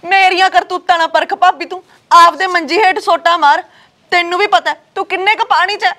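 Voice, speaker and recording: A woman acts out a crying married sister with a Punjabi accent who wails and bickers with her sister-in-law in a web drama. Her voice sits very high and sounds bright and piercing. She sobs through her words. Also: steady tone, fairly quick. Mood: tearful. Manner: wailing, quarrelsome. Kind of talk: Punjabi web-series acting.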